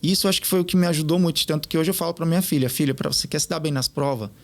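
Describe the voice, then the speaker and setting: A man talks quickly in a casual podcast interview, his voice a little high and gravelly. He tells his stories with animation and acts out the people in them. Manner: animated, quotes others in lively retellings. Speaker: podcast guest.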